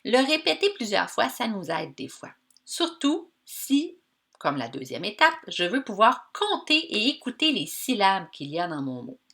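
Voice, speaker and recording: Québécois female teacher for a kids' lesson, bright, slow, very animated, drawn-out sounds, encouraging. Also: mid-range voice, creaky. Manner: slow, stretched-out sounds of words for young learners; encouraging, addresses pupils directly. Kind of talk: children's reading lesson.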